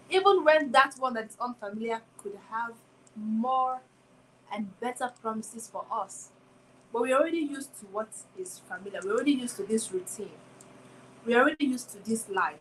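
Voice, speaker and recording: A woman in her twenties with a fairly high voice hosts a solo motivational podcast, speaking reflectively and repeatedly turning to rhetorical questions. The audio is poor, with a little hiss or hum.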